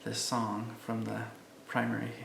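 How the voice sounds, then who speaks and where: A middle-aged father telling a personal story in a measured, plain-spoken interview. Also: lowish voice, completely flat delivery, vocal fry, a bit bright, slight background noise. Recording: roomy room sound.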